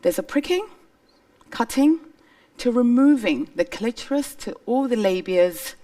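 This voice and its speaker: A woman's voice: a little high, animated, a little slow, warm tone, recorded from a distance. A woman from Somalia giving an earnest, emphatic personal testimony on stage before an audience. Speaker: speaker on stage.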